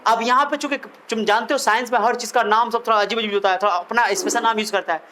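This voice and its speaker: A man's voice: sits high, steady tone, quick pace, sharp tone, a little hiss or hum. A male physics teacher giving a classroom lecture, playful and teasing, repeating questions back to his students.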